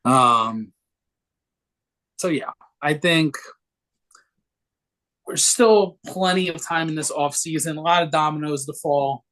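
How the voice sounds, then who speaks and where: A young man co-hosts a sports podcast in a loose, joking way, cursing often. His voice sits a bit high for a man. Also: takes it slowly, long pauses, a bit bright. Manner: brash, profane and joking. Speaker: podcast co-host. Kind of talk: casual sports podcast chat.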